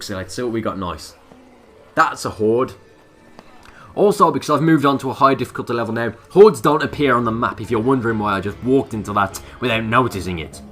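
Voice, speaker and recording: Excitable gamer, bright voice. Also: male voice, medium pitch. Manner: excitable, swears freely, talks to viewers as folks. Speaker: gaming commentator. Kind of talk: let's play commentary.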